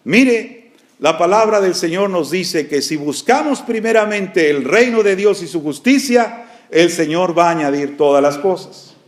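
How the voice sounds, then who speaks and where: A man's voice: sits high, expressive, a little slow. A middle-aged man preaching a sermon as pastor, earnestly calling his listeners brothers.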